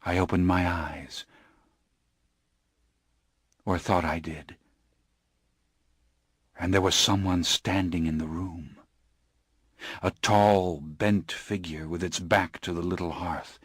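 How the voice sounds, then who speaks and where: A man narrates an audiobook in a low voice at an unhurried, measured pace. He drops to a hush for the eerie moments and turns urgent when the action picks up. The recording is dry and close. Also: steady tone, slightly rough, no room sound.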